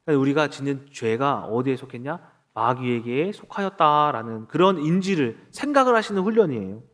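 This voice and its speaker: A man's voice: medium pitch, animated, brisk, fairly bright tone. A man in his thirties preaching a sermon as pastor, acting out quoted dialogue as he goes.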